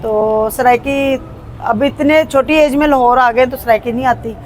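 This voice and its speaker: A Pakistani woman with a Punjabi accent, answering interview questions casually, with hesitant pauses and restarts. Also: high voice, a little hiss or hum. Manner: hesitant, with frequent fillers and restarts. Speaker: interview guest.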